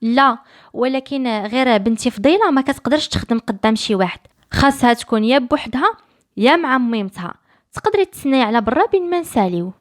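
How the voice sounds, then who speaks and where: A woman with a Moroccan accent voicing a clever disguised seamstress who coaxes gently. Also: fairly high pitch, lively intonation, fast talker, lightly acted. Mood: polite.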